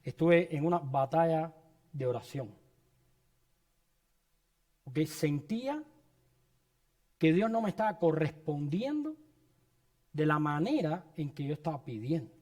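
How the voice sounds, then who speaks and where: A man's voice: on the high side, very animated, unhurried, long pauses, dark tone. A man preaching a sermon in a church, earnest and personal, sharing his own story and addressing the congregation as brothers. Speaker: pastor.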